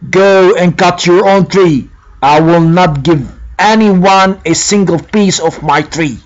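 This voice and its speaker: A man voicing a greedy older brother who shouts offensively. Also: high voice, slow, pitched above the performer's own voice. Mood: gloating. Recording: dull lo-fi home recording.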